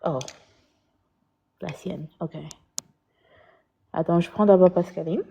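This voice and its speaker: A woman's voice: on the low side, takes it slowly, gravelly, husky. A young woman hosting a live stream, chatting casually and switching between French and English. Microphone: laptop or phone on a live stream. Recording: dull lo-fi stream audio.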